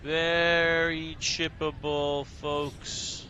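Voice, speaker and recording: A man streams a golf video game and casually comments on the play, addressing his viewers by name. His voice is fairly high, level, very slow, bright, and forceful, with a slight hiss or hum on the recording.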